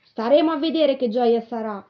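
A woman's voice: fairly high pitch, moderate pace, pitched above the performer's own voice, lightly acted. A fussy, cross storybook leaf, voiced by a woman who grumbles indignantly in a raised voice. The sound is dull and lo-fi, like a radio broadcast. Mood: sulky.

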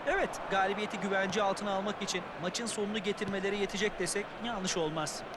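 A man's voice: high voice, steady tone, quick pace, natural voice. A man as a chatty football pundit in a video game, giving wry, conversational analysis. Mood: engaged, analytical. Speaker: football co-commentator. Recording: stadium noise behind.

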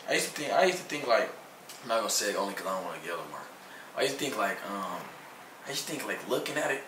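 A young man, a rapper, chatting casually in a recording studio with relaxed slang and easy laughter. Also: mid-range voice, noisy background. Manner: laid-back slangy banter, laughs easily. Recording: roomy, distant, music playing.

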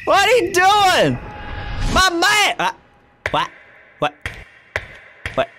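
A woman commentating a game she plays, loud and excitable, often shouting her reactions. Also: very high-pitched, takes it slowly. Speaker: gaming YouTuber. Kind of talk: excited let's-play commentary. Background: loud game music.

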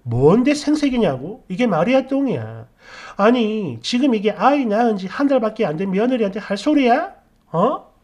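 A man voicing an indignant young wife who rants in rapid complaints and rhetorical questions. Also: high voice, big pitch swings, darkish tone.

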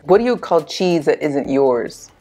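Casual female dad-joke teller, somewhat low pitch, delivering setup and punchline. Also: sing-song, a little slow, warm tone, soft background music. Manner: telling dad jokes, setup then punchline. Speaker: anesthesiologist. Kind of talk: casual joke-telling chat. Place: small indoor room, seated at table.

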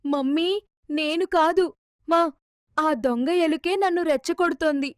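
A woman's voice: high voice, steady tone, moderate pace, no room sound, clean studio sound, lightly acted. A woman voicing a spoiled, jealous young house cat that bosses and boasts in a cartoon. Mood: whining. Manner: bossy, boastful, quarrelsome. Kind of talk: cartoon voice acting.

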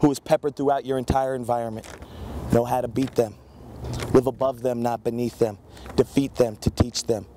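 A man in his thirties reads a spoken word poem aloud outdoors, his delivery steady and measured with very little rise and fall in pitch. He stands on an open plaza, and a faint hum of street traffic sits behind his voice. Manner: steady, measured recitation read from paper. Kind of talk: spoken word poetry reading.

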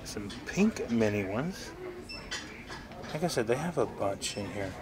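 A man's voice: fairly low pitch, very animated, measured pace, crowd noise. A man talking casually while filming a walk through a gift shop, pointing things out as he goes. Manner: chatty, points things out as he films. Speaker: vlogger.

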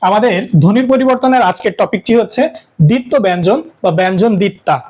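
High-voiced man teaching a grammar lesson. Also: a little mellow. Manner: slow deliberate repetition of example words. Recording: dull lo-fi audio.

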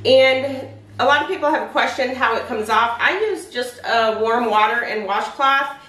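A woman in her forties shows her meal prep step by step, chatting casually and explaining as she goes. Her voice is a little high and sharp-toned, at a moderate pace, with soft background music. The camera sits far away, so her home kitchen sounds echoey.

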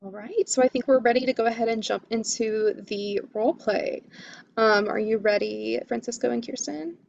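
A woman's voice: fairly high pitch, normal speed, gravelly, darkish tone, no room sound, muffled recording. A woman career coach giving interview tips in a webinar, enthusiastic, with lots of "you know" and "um". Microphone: video call.

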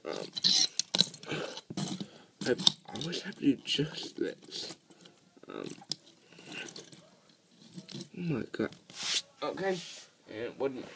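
Slow, gravelly man reviewing toys. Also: medium pitch, sing-song, background noise. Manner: halting, many ums and restarts; handling pieces while talking. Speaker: toy reviewer. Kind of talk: casual product review.

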